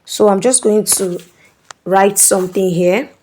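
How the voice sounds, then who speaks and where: A woman's voice: mid-range voice, unhurried, warm tone. A woman hosting a screen-recording tutorial, explaining steps patiently and checking in with "okay?". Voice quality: instructive, repeats "okay?" to check in. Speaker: tutorial host.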